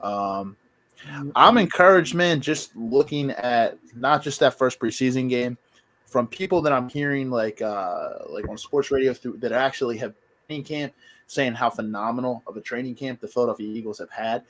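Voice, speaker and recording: A man with a mid-range voice talks at a normal speed, hosting a podcast where he chats casually about football. He's relaxed and treats his guests like friends.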